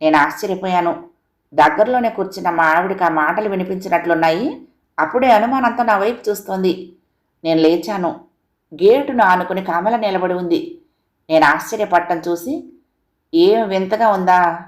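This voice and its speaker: A woman storyteller calmly narrating a written short story. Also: lowish voice, normal speed, pauses often. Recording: roomy echo.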